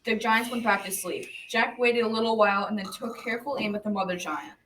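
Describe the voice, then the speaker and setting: A schoolgirl of about 12 to 13 plays a folksy narrator, reading a scripted folktale for an amateur radio drama in a folksy, storytelling mood. Her female voice is a little high and a bit fast, with fairly even intonation and a lightly acted delivery. The mic is distant, with faint noise.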